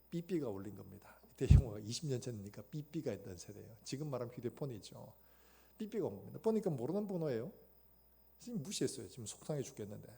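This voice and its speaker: Male pastor, warm gravelly storyteller in a church sermon. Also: mid-range voice. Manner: storytelling, acting out quotes with sudden loud outbursts. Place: church sanctuary.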